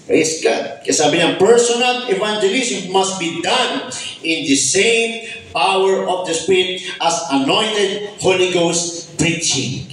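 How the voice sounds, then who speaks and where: A man preaching a sermon in a fairly high, lively voice, switching between two languages and calling out praise between points. He sounds emphatic and often shouts. His voice rings through an echoey hall, picked up from a mic well away from him. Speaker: Bible study preacher. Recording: echoey room, mic far off.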